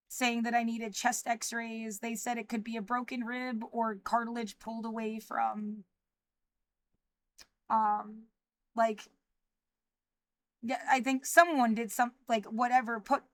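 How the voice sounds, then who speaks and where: A woman in her thirties speaking in a livestreamed personal monologue, anxious and rambling, halting with frequent restarts. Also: fairly high pitch. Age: 30s.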